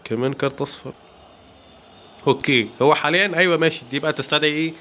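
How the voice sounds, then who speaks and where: A man with an Egyptian accent giving excited, playful commentary while playing a football video game. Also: fairly high pitch, quick pace, a little hiss or hum. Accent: Egyptian Arabic. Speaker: gaming YouTuber. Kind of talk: live gameplay commentary.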